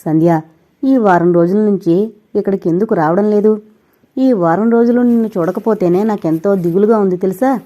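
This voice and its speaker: A woman's voice: mid-range voice, normal speed, warm tone, close to an everyday voice. A woman voicing a heartbroken young man who pleads and accuses, in an audio novel. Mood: pleading, anguished. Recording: dull lo-fi recording.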